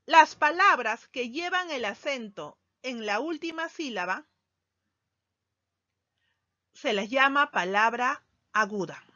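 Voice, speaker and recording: Slow, bright-voiced woman teacher. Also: sits high, no echo. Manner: slow, deliberate, stresses key words. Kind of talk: recorded grammar lesson. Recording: dull lo-fi sound, dry.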